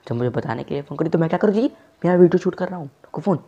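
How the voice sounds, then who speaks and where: A man's voice: fairly high pitch, lively intonation, racing, breathy edge, muffled recording. A young man performing a comic sketch of one-sided phone calls, exasperated and repeatedly restarting his greeting. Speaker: comedy sketch creator. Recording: loud background music.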